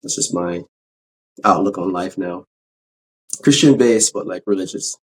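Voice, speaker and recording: Male podcast host, husky tone, casual and rambling with false starts. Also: sits low, measured pace, poor audio. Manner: chatty, hesitant, with restarts and apologies. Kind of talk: casual interview.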